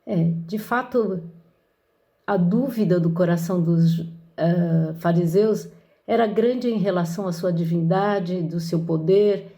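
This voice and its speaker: A woman's voice: medium pitch, dark tone. A woman preaching a sermon, speaking unhurriedly with frequent fillers and restarts, who mentions her own patients. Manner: slow, unhurried delivery with many fillers. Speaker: counselor with patients.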